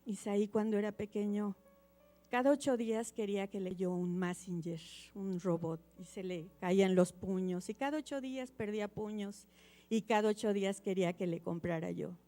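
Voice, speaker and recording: Gravelly-voiced woman sharing a heartfelt testimony. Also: mid-range voice, normal speed, soft background music. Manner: heartfelt, quiet storytelling that drops softer at tender moments. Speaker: church testimony speaker. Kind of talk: spoken faith testimony. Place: church auditorium.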